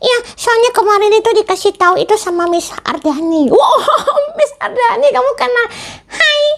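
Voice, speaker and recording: A woman's voice: very high-pitched, lively intonation, moderate pace, voice pushed up. A woman doing a cheeky, giggly child puppet. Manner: giggly, boastful, chatty. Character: cheeky excitable child puppet named Orange.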